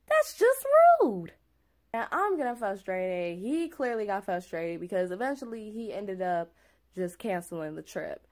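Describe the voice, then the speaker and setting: A woman in her twenties tells a story in a casual vlog, chatty and animated, often saying "like" and "okay?". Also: fairly low pitch. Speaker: vlogger.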